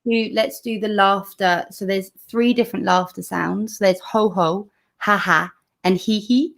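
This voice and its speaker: A woman's voice: mid-range voice, fairly even intonation, a little slow, vocal fry. A woman leading laughter exercises on a video call, bubbly and encouraging, often breaking into laughter as she explains. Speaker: laughter yoga leader. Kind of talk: casual video call chat.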